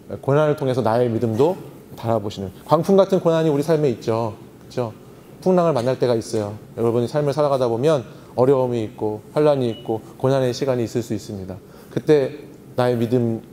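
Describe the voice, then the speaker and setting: A male pastor leads a seminar on Bible meditation at a church youth retreat. His tone is mellow and he teaches with questions to the room. The sound carries a long hall reverb over faint ambience. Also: medium pitch, fairly quick, a little hiss or hum. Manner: teacherly, asks the audience questions and answers himself.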